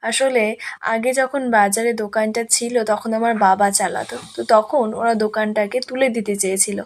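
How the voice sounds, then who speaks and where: A woman's voice: a little high, steady tone, moderate pace, slight background noise, close to an everyday voice. A woman voicing an earnest, grateful shopkeeper in a spoken serial recap. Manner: earnest, thankful. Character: grateful roadside shopkeeper, man.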